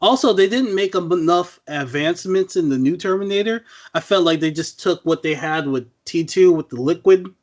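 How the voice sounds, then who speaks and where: A man co-hosting a casual podcast, his voice sitting a touch high. He rambles about a film with fillers and restarts. He keeps breaking into playful acted-out lines. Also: normal speed, few pauses. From Trinidad. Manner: animated, acts out scenes in mock voices. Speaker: podcast co-host. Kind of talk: casual movie review chat.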